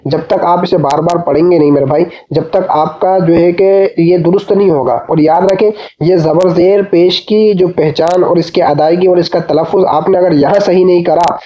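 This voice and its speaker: A man teaching reading in a recorded online lesson. He patiently spells syllables out slowly and calls his listeners brother. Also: high voice, fairly even intonation, highs cut off.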